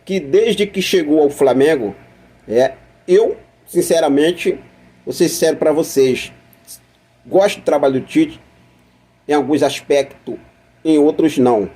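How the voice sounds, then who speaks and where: A man's voice: fairly high pitch, a little slow, pauses often, dark tone, slightly rough. A man with a Brazilian accent hosting a football news channel, talking through club news in a chatty way, repeating points and asking viewers questions. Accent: Brazilian Portuguese. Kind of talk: casual news commentary to camera.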